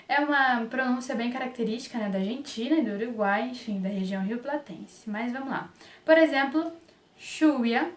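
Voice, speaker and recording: A Brazilian woman with a Brazilian Portuguese accent teaching a Spanish pronunciation lesson, patiently repeating example words. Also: a little high. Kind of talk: online language lesson. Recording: echoey room, distant mic.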